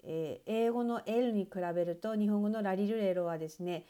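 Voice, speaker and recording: A woman gives a patient pronunciation lesson, pausing often with fillers as she explains. Her voice is mellow and warm. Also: medium pitch. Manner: patient, many fillers and "desu ne" pauses. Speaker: English pronunciation teacher.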